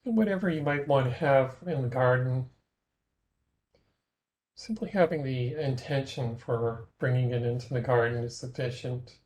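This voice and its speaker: With long pauses separating his measured phrases, a man gently guides a meditation and asks the listener to picture things. His voice is mid-pitched, dark, mellow and very soft at the edges.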